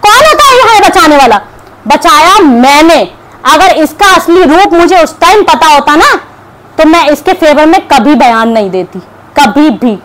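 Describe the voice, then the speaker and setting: Her high voice carries lively intonation, yet she takes her time. She's a young vlogger reacting combatively on camera, full of sarcasm and scolding, over clear background noise.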